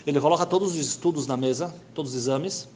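A man's voice: a little high, quick pace, slight background noise. Earnest man telling a moral story. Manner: earnest, repeats words, voice drops softly at phrase ends. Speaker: religious teacher. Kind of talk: storytelling sermon.

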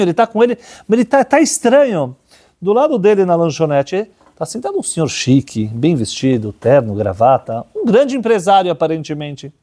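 Husky, dark-voiced man giving a sermon. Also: mid-range voice. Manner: animated storyteller, voices characters in dialogue. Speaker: religious teacher. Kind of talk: storytelling sermon.

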